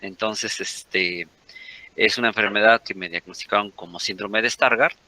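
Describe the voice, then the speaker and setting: A man's voice: lowish voice, normal speed, sharp tone, no echo. A Mexican man in his forties, a guest in a conversational interview, rambling and often correcting himself mid-sentence. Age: 40s.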